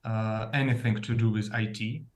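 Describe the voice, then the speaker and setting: With a Russian accent, a man from Russia whose first language is Russian speaks about himself in a casual, halting way, groping for words. His voice sits on the low side with fairly even intonation at normal speed; he's a club participant and learner.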